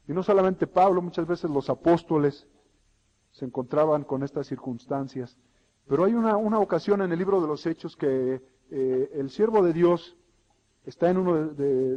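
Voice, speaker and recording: Guy preaching in a church, fairly high voice, keeps asking the crowd questions, radio sound. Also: darkish tone, lo-fi sound. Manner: emphatic preaching with rhetorical questions to the congregation. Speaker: pastor. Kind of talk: sermon. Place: church hall.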